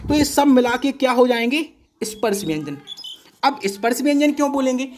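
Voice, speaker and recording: A man's voice: very high voice, lively intonation, fairly quick, slight background noise. A male teacher giving an exam-prep lesson, patiently repeating syllables and checking often that the class understands.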